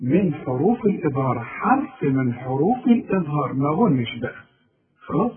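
A man with an Egyptian accent teaching tajweed, patiently explaining rules and slowly repeating words to demonstrate them. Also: a little high, sing-song, phone-quality sound. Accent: Egyptian Arabic. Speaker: Quran recitation teacher. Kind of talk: tajweed lesson with recited examples.

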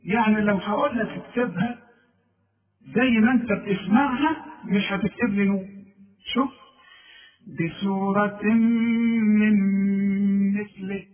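A man with an Egyptian Arabic accent, teaching Quran recitation, switching between drawn-out chanted examples and quick explanations and checking that the listener follows. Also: sits high, roomy sound, slight background noise. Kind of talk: tajweed lesson with recited examples. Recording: thin phone-like sound from a distance.

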